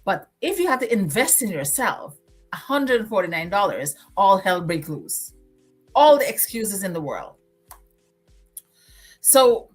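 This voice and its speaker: A woman with a husky, mid-range voice and a Guyanese accent hosts a motivational livestream where she preaches. She's from Guyana and repeats phrases to drive her points home.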